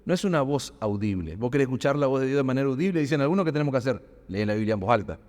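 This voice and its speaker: A man's voice: mid-range voice, expressive, racing, darkish tone. A man preaching a sermon, asking rhetorical questions and building emphasis. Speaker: pastor. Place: church hall. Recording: long hall reverb.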